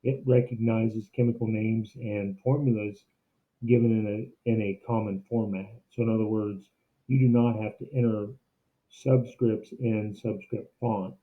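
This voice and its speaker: A man's voice: on the low side, level tone, a little slow. A man giving an instructional screencast demo like a teacher, explaining things step by step. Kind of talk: instructional screencast narration, semi-scripted. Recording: muffled, narrow phone-like sound.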